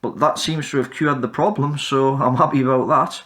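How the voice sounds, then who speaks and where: A man hosting a repair channel, calmly walking through a fix in a casual, matter-of-fact way and counting off mic checks. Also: medium pitch, normal speed.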